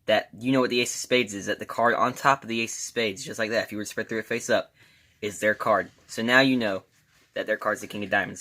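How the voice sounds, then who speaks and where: A man's voice: medium pitch, pushed and bright. A man giving a casual, informal step-by-step tutorial as an amateur magician, talking directly to his viewers. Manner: informal, addresses viewers as guys.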